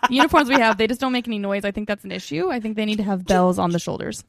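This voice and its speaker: A woman's voice: mid-range voice, brisk, vocal fry, dry recording, studio quality. A young woman, a podcast co-host and cheer coach, chatting casually in a playful, giggly way. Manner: playful, giggly, puts on silly voices. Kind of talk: casual chat.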